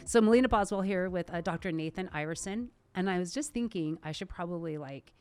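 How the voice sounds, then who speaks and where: Chatty woman podcast host, low voice. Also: brisk, clear, resonant tone. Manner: laughs often, chatty and animated. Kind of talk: casual conversation.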